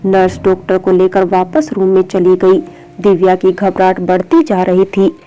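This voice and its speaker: A woman's voice: fairly low pitch, completely flat delivery, moderate pace, warm tone, faint music behind. A woman reading an emotional family story aloud in a scripted, melodramatic narration.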